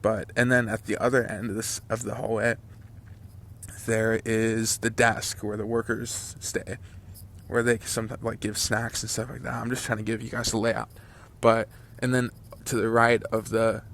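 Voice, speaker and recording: A channel host in his twenties tells a long story over gameplay in a casual way, rambling with many fillers and restarts. His voice is fairly low, gravelly and fairly bright, with a little hiss or hum in the audio.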